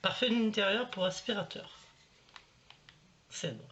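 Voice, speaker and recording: A woman's voice: mid-range voice, takes it slowly, a bit bright. A middle-aged woman chatting casually to camera at home, rambling and full of fillers as she shows her shopping. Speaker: vlogger showing a shopping haul. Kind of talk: casual haul chat to camera. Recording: slightly dull home recording with faint noise.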